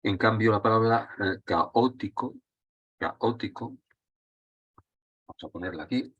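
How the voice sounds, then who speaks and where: In a muffled recording, a Spanish grammar teacher explains the rules step by step with a patient, conversational, unscripted delivery, stopping to check that students keep up. His voice is very deep and husky, with a fairly bright tone and fairly even intonation.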